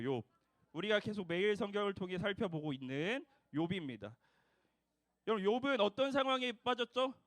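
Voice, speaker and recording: A young man with a very high voice preaches to a room of children. He keeps asking them questions and has them repeat lines after him. The sound is close and dry, with no room echo. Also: a bit bright. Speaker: junior preacher for a children's service. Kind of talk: children's sermon.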